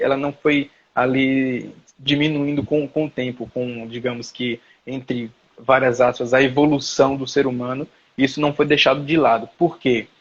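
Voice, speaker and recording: A man's voice: mid-range voice, dull audio. A man, lecturing as a professor in a live online class and searching for words aloud as he explains.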